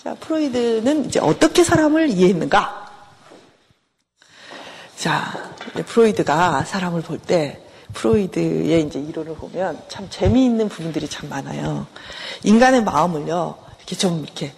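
A woman's voice: fairly low pitch, animated, moderate pace, vocal fry, a little mellow, big-room sound, a little hiss or hum. A middle-aged woman professor giving a conversational counseling lecture, often asking her listeners questions. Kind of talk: classroom lecture.

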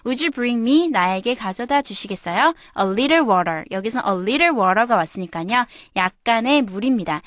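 Bright-voiced woman teaching English. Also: on the high side, dry recording, studio quality. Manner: explains patiently, says example phrases slowly. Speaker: English teacher and radio host. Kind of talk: radio English lesson. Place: radio studio.

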